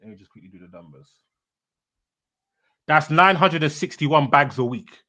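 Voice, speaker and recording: A young man with a slightly high voice co-hosts a football podcast, chatting casually and excitably. He laughs often and talks in quick bursts.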